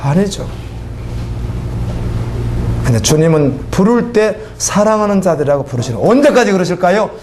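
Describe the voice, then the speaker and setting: A man's voice: high voice, sing-song, moderate pace, pauses often, background noise. A man preaching a sermon as a pastor, emotional and pleading, his voice rising into fervent cries.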